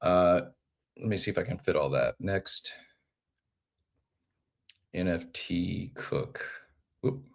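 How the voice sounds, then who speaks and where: A man's voice: sits low, takes it slowly, vocal fry, pauses often. A man in his forties, congested with a head cold and sounding nasal, hosting a podcast in a rambling, friendly chat with many fillers. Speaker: podcast host. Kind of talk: casual live audio show chat.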